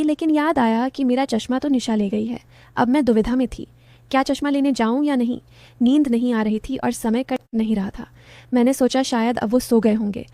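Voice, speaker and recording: A woman narrating a romantic family story in the first person, calm and even. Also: on the high side, no echo.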